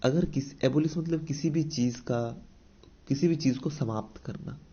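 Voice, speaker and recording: A man's voice: medium pitch, unhurried, dark tone, slightly rough, dull audio. A man with an Indian accent teaching English vocabulary for exam coaching, explaining each word with repetition, rhetorical questions and English definitions woven into Hindi speech.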